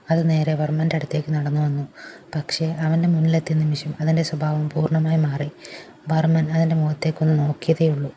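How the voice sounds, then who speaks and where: Low, flat-voiced woman narrating a story. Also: slight background noise. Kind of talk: scripted dramatic narration.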